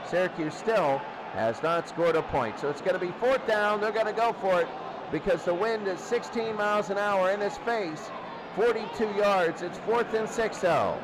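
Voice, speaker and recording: A radio announcer calls live football play-by-play, restating the action in short bursts in a high voice at a moderate pace. The recording is very noisy, with a loud stadium crowd roaring underneath.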